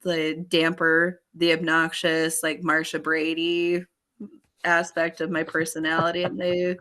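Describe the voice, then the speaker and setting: A woman in her thirties, a podcast guest, chatting upbeat and rambling, her voice going hoarse. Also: low-pitched, completely flat delivery, unhurried, bright, forceful tone. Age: 30s. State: hoarse, voice failing. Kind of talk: casual chat.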